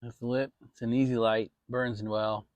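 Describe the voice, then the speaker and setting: The Maryland vlogger speaks a little slowly in a medium-pitched, level, darkish voice, and the audio is dull. He rambles easily to his viewers from a shaded backyard, sometimes getting salty, with a dry sound free of echo.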